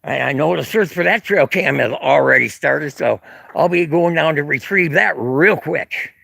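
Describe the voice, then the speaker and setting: Standing on a street corner with a handheld camera, a man livestreams while filming local police, ranting angrily and profanely between sarcastic chuckles as he reads chat comments. His voice is on the high side, expressive, gravelly, pushed and bright, at normal speed, in a dry recording.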